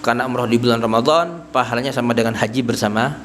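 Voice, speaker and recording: A man's voice: medium pitch, quick pace, fairly bright tone, slight background noise. A man giving an Islamic study lecture in a small prayer hall, addressing the men as "Pak" and posing questions to them that he answers himself. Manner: tags nearly every phrase with "Pak". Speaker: Islamic religious teacher. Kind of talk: mosque study-circle lecture.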